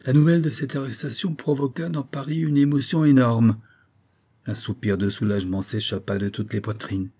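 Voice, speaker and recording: Male audiobook reader, dark and husky, steady expressive narration. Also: medium pitch, moderate pace. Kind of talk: scripted narration.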